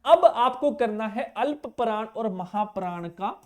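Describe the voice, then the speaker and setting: An expressive male teacher with a high-sitting, slightly mellow voice gives an exam-prep grammar lesson at a measured pace. He fires questions at viewers and answers them himself, repeats key terms to drill them in, and casually calls them brother.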